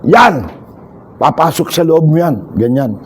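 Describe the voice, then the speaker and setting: A man giving an energetic, joking seminar talk to overseas workers, calling out to listeners and leading shouted chants. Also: fairly high pitch, takes it slowly, husky.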